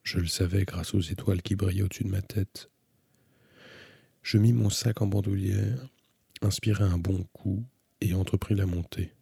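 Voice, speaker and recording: A man calmly reading a novel aloud as an audiobook narrator, in a measured, introspective way. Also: low voice, creaky, breathy edge, dry recording, studio quality.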